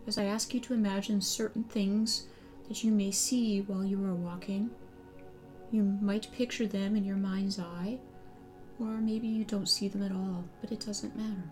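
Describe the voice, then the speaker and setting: A woman leads a hypnosis relaxation session in a slow, soothing, repetitive way, sometimes dropping to a near-whisper. Her voice is warm and mellow, sitting at an ordinary pitch. Soft music plays faintly behind her. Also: flat delivery. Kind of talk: guided hypnosis relaxation script.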